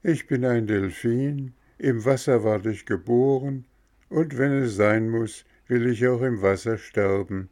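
A man voicing a calm, resigned dolphin with a hoarse voice, speaking in a raised register. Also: mid-range voice, unhurried, voice pushed up, lightly acted.

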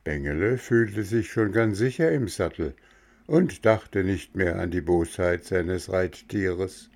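A man slowly reading a children's storybook aloud, addressing young listeners. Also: deep voice, expressive, creaky, darkish tone. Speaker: narrator.

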